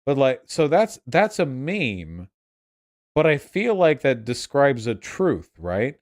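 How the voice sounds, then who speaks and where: A man's voice: medium pitch, big pitch swings, takes it slowly. A young man rambling casually to a livestream chat, sounding drunk, repeating and restarting his phrases. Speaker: livestream host answering chat.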